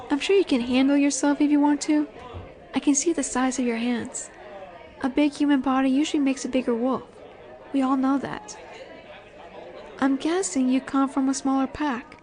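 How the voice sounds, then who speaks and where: A woman with a very high, slightly mellow voice acts as a werewolf alpha in an audio drama roleplay, flirty, self-assured and wanting to dominate. She addresses the listener teasingly and sultrily, taking her time with drawn-out pauses. Soft bar chatter fills the background.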